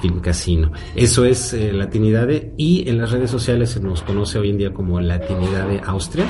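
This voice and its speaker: A man from Mexico City with a Mexican accent, a cultural promoter explaining things at length on the radio, pausing often with "eh". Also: on the low side, mellow, soft background music. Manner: measured, explanatory, with frequent "eh" pauses. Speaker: guest, cultural promoter and musician. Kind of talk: radio interview.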